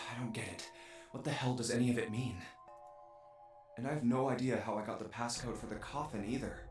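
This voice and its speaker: A man's voice: mid-range voice, brisk, roomy sound, distant mic, faint music behind, close to an everyday voice. A man voicing a puzzled, frustrated young man in a video game, asking question after question.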